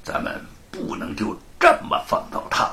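A man's voice: mid-range voice, wildly swooping pitch, measured pace, a bit bright, exaggerated voice. A man voicing a spiteful, scheming rich villain who sneers and snickers. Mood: spiteful, sneering.

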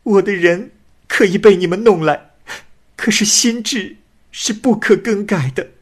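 A man's voice: high-pitched, unhurried, slightly rough, pitched above the performer's own voice. A man voicing a distraught young woman who was forced into marriage, tearful and defiant.

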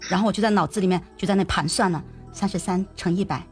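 A young woman telling a personal story in a lively, chatty way, repeating words and asking her listeners questions. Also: lowish voice, fast, faint music behind. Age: young adult. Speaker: storyteller addressing her audience.

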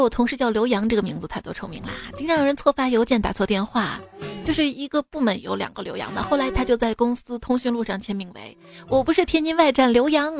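A woman's voice: on the high side, gravelly. A woman hosting casually, reading out listener comments with informal, playful asides. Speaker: host of a comic listener-stories show. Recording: music playing behind the voice. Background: music.

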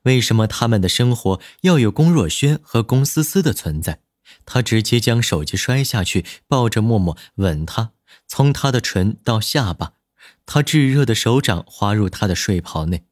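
A man with a lowish voice reads a romance drama aloud with expressive, lively storytelling. His pitch rises and falls widely. The sound is dry and close, with no room around it. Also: no room sound. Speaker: audiobook narrator. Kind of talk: scripted dramatic narration.

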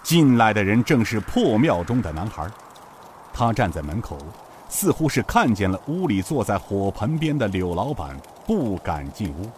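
Lively low-voiced male storyteller. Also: moderate pace, slight background noise. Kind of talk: audiobook novel narration.

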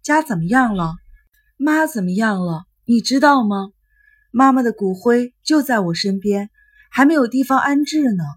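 A woman's voice: on the high side, animated, moderate pace, slightly rough, pitched above the performer's own voice. A woman voicing an anxious young woman pleading with her younger brother, in a storybook reading. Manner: pleading, urgent. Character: anxious young woman, worried elder sister.

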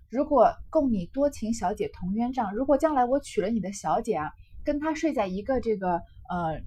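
A woman's voice: medium pitch, dark tone, a little hiss or hum. A woman retelling and explaining a classic novel in a chatty way, with many fillers. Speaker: literature explainer. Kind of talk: storytelling commentary.

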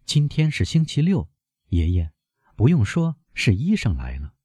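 A frantic young woman crying out in an audiobook, as a husky male reader puts her on. She pleads in a high, urgent voice that climbs sharply. The sound is dry and close. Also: wildly swooping pitch, measured pace, warm tone, no echo, heavily acted. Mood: gentle. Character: young woman, devoted granddaughter, anxious.

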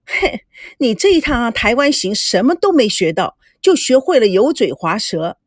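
A woman's voice: on the high side, big pitch swings, normal speed, dry recording, clean studio sound. A woman voicing a bossy, playful young woman. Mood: teasing. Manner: teasing, bossy.

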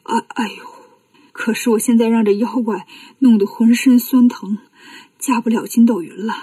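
A woman's voice: fairly high pitch, steady tone, normal speed, mellow, husky, no room sound, far from the mic. A woman reading as a brash monkey king hero. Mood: weary. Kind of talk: children's storybook reading.

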